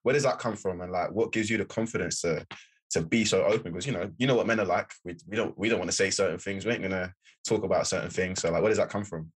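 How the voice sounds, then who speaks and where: Deep husky-voiced podcast host. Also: male voice, fast talker. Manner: relaxed, agreeable, lots of back-channel "yeah". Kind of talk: casual interview chat.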